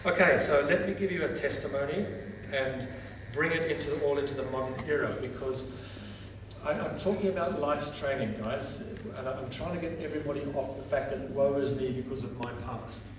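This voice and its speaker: A Zambian man in his 60s, a native Bemba speaker, gives a testimony talk at a seminar, telling stories in a large, echoing hall. He speaks at medium pitch and normal speed, conversationally, often restarting and checking in with "okay?" The recording is far off and echoey, with background noise.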